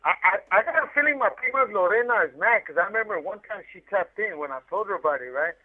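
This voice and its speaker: Over a muffled, tinny prison phone, a high-voiced man speaks fast and animatedly as an incarcerated guest on a collect call. He chats casually, spinning rambling anecdotes full of slang and going over the same points again.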